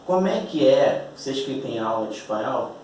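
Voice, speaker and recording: A man's voice: medium pitch, expressive, normal speed, darkish tone, a little hiss or hum. A man teaching a classroom grammar lesson, chatty, checking in with his students and stretching out key words as he explains at a board. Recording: roomy, distant echoey classroom audio.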